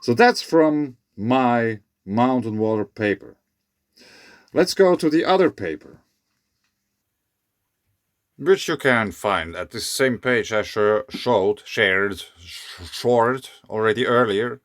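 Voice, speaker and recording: A man with whistling s sounds reads his own research paper aloud, breaking off for informal asides in a halting, self-correcting way. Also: mid-range voice, lively intonation, dry recording, clean studio sound.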